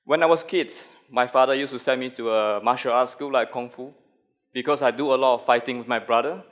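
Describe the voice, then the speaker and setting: A man's voice: mid-range voice, brisk, a bit bright. A young Malaysian man, a graphic designer, giving a conference talk with many fillers and restarts.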